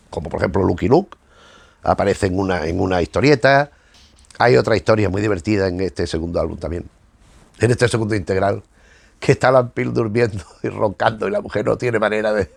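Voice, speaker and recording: Leafing through comics for his channel, a man reviews them in a relaxed but hesitant way, often saying words twice as he finds his next thought. His voice is fairly low and creaky, and the recording is dry.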